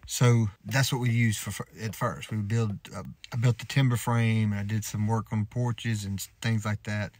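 A man in his thirties giving relaxed, folksy advice to the camera from inside a parked pickup truck, often restarting his words. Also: on the low side, normal speed, few pauses. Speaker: sawmill owner and homesteader vlogger. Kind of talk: casual advice talk to camera.

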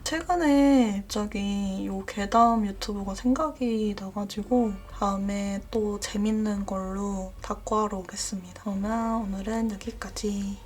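A young adult woman vlogger casually telling horror stories, dropping into hushed whispers at the scary parts. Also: medium pitch, steady tone, measured pace, few pauses. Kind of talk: casual horror storytelling while journaling.

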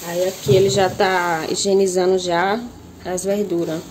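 A woman's voice: on the low side, little pitch movement, normal speed, a little mellow. Chatty young woman vlogger, phone-recorded. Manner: chatty, addresses viewers as "minha gente". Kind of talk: casual vlog chat. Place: street then a small home kitchen. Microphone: handheld phone camera. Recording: phone recording with clear background noise.

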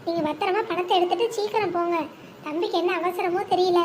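A woman's voice: very high-pitched, steady tone, fast, a little hiss or hum. A woman voicing a devout, anxious village wife in a cartoon, pleading and concerned.

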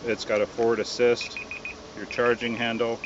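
A man giving a casual, relaxed product review outdoors, hesitant and full of ums and uhs. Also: mid-range voice, moderate pace, muffled recording, noisy background. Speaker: gun reviewer.

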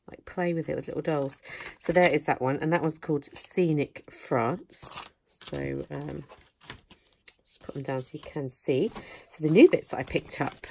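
A woman who hosts a craft channel rambles chattily through a product haul at her craft desk indoors, using many fillers while she's losing her voice. The camera is overhead with her hands in frame. Her voice is very deep and a little mellow, with slight background noise.

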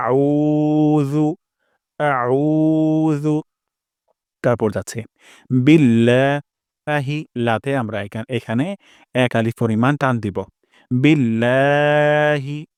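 A man teaching Quran recitation, explaining each sound patiently and drilling it through repetition, with slow, drawn-out chanted examples. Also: medium pitch, darkish tone, no echo, clean studio sound. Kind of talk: spoken lesson on Arabic pronunciation.

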